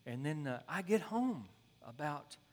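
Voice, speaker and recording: A man's voice: a little high, very animated, measured pace, voice pushed up. A man voicing a laid-back young husband who casually describes his day. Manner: casual, matter-of-fact recounting. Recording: long hall reverb.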